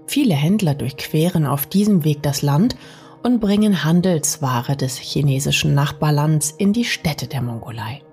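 A woman narrates a bedtime sleep story in a soft, soothing, partly whispery way, speaking intimately to the listener. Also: deep voice, animated, moderate pace. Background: music.

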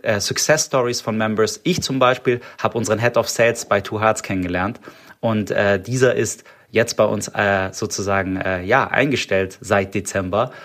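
A man's voice: on the low side, steady tone, normal speed, a bit bright. A young man from Stuttgart with a slight Swabian accent, a startup founder talking casually in an interview, rambling with many fillers and restarts. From Stuttgart, Germany. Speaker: startup co-founder, podcast guest.

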